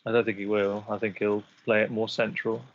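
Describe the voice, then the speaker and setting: A man's voice: fairly low pitch, flat delivery, a little fast, lo-fi sound. A man giving live game commentary, chatty and analytical as he breaks down each move.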